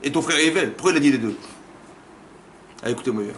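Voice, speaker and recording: A man, a rabbi, giving a lively Torah class in a community center, casual in phrasing, acting out dialogues and firing rhetorical questions. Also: mid-range voice, fast talker, slight background noise. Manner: animated, acts out dialogues, fires rhetorical questions. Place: community center lecture room.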